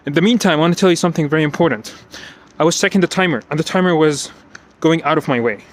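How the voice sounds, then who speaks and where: A man's voice: a little high, fast talker, slight background noise. A man telling a story while walking outdoors, out of breath, emotional and repetitive, often restarting his sentences. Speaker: vlogger recounting an exam. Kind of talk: unscripted personal vlog.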